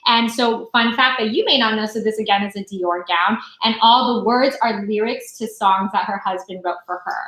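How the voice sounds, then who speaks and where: Bubbly young woman cohost, bright sharp voice, says like a lot, echoey room. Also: medium pitch, normal speed, few pauses. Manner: bubbly, giggly, lots of "like". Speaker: podcast co-host. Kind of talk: casual chat.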